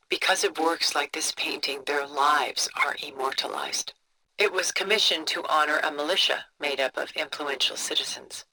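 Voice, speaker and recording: An actress playing a cultured, composed older woman who collects art, with a refined, measured, contemplative delivery for a video game. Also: low-pitched, slight background noise, low-quality recording. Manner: refined, measured, contemplative, soft breathy phrase endings. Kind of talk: video game character dialogue, museum-guide storytelling.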